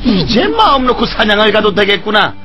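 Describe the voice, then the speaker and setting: Cowardly cartoon general, high-pitched, whining, wildly swinging intonation, music behind. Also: male voice, sing-song, a little fast, highs cut off. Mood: smug relief. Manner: whiny, histrionic, moaning. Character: cowardly, whining, self-indulgent male general. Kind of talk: dubbed historical animation acting.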